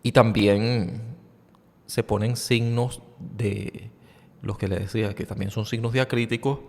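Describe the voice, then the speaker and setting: Male podcast host, unhurried explainer, stops and restarts often, reverberant room. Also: on the low side, fairly even intonation, darkish tone. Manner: halting, with many fillers and repeated words. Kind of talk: unscripted educational monologue. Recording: long hall reverb.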